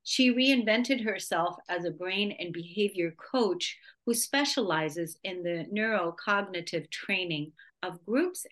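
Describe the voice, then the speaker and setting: A woman's voice: medium pitch, a bit bright. A woman hosting a radio talk show, introducing and interviewing a guest in an effusive, enthusiastic way.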